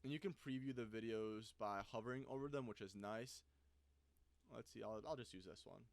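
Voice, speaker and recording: A man talks through a software walkthrough in a loose, conversational way, pausing to think aloud as he goes. His voice is smooth and resonant, recorded close and dry with no room sound. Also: lowish voice, no room sound. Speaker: software reviewer. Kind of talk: casual screen-recorded tutorial.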